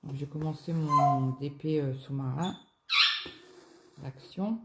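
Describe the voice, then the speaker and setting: A woman rambles through everyday stories as she stitches at home, leaning on a lot of fillers. Her voice sits low and has a gravelly, creaky edge. The room rings with echo, and loud background noise runs under everything. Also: takes it slowly. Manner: rambling, chatty storytelling with many fillers. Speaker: cross-stitch vlogger. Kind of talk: casual chat while stitching.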